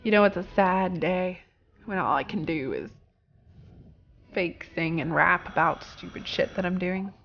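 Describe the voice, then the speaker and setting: A woman's voice: lowish voice, measured pace, gravelly, muffled recording, a little hiss or hum. A woman hosting a casual gameplay video, joking around, swearing freely and breaking into silly fake singing. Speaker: gaming video host.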